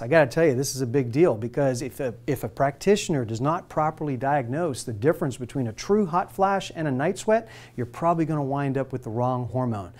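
A man's voice: medium pitch, darkish tone. A man in his forties giving a persuasive scripted presentation to camera, asking the viewer direct questions, recorded in a studio on a lapel mic. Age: 40s. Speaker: hormone therapy presenter. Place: studio with plain light backdrop.

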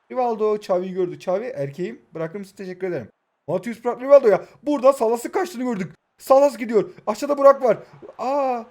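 A man in his twenties from Turkey talks over his own mobile football match as a gaming YouTuber. His voice sits high for a man, and he swings from loud shouts at his players to quiet, grumbling asides. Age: 20s. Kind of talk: excitable live gameplay commentary.

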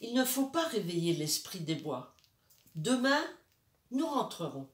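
A woman voicing a calm, loyal blue dog in a storybook, speaking slowly and soothingly. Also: fairly low pitch. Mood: gentle. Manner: slow, soothing reassurance. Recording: roomy, distant from the mic.

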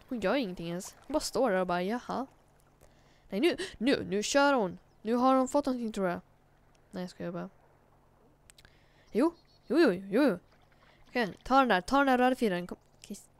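A woman giving casual, chatty gameplay commentary, giggling and coaxing the character she controls. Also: medium pitch. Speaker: let's play host.

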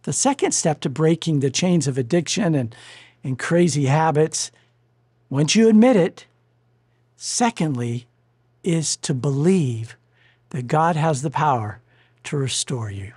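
A pastor speaks slowly in a husky, breathy voice, leading a personal devotional. The delivery is candid and conversational, with the occasional self-directed chuckle. The sound is dry and close. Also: medium pitch, expressive, a little mellow, no room sound. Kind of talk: devotional message.

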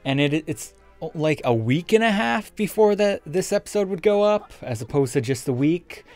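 Speaking at normal speed with no echo, a young man with a fairly high, animated, darkish voice rambles casually through let's play commentary, swearing often. He's a gaming YouTuber in an indoor webcam room, with game music in the background.

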